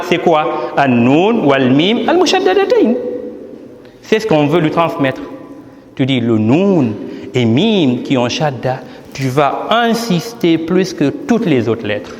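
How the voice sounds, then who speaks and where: At a ceremony in a large hall, an imam with a slightly high, darkish voice presents his book as a teaching talk, explaining step by step and asking and answering his own questions. The audio is dull, with long reverb from the echoey hall.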